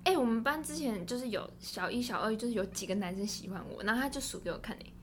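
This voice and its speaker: Young woman, Taiwanese Mandarin accent, breathless casual podcast chat, very fast, fairly high voice. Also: lively intonation, a little hiss or hum. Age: young adult. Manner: rapid, breathless storytelling. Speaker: podcast co-host.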